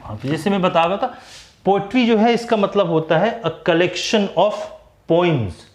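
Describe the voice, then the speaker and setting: A man with an Indian English accent giving a grammar lecture in a mix of Hindi and English. He slows right down to spell out each English example sentence. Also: high-pitched, reverberant.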